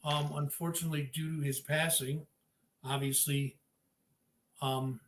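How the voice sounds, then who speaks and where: A man hosting a live-streamed interview, upbeat and chatty, giving shout-outs to viewers. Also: a little high, level tone, unhurried. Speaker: podcast host. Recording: echoey room with faint noise.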